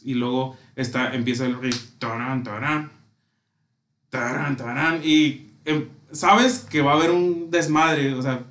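A man's voice: medium pitch, a little slow, hardly any pauses, a bit bright, reverberant, a little hiss or hum. A man with a Mexican accent telling concert stories in casual, slang-heavy chat. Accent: Mexican Spanish. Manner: enthusiastic, slangy storytelling.

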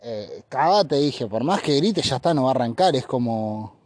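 A man's voice: medium pitch, animated, normal speed, darkish tone, dry recording. A man with a Rioplatense Spanish accent, a podcast host rambling through a casual joking monologue and acting out quoted voices.

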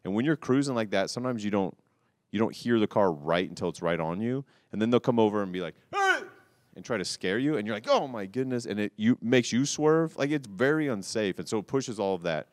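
Deep-voiced man telling a story, dry sound. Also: fast, dry recording. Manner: animated, rambling, restarts, quotes people loudly. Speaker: podcast co-host telling a cycling story. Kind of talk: casual storytelling chat.

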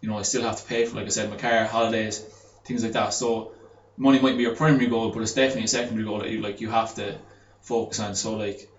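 An Irish man in his twenties, who owns a gym and works as a personal trainer, chats casually on a podcast. He talks fast with few pauses in a lowish, steady voice, rambling with many fillers and restarts. The sound is roomy and dull, with faint ambience and a little hiss or hum.

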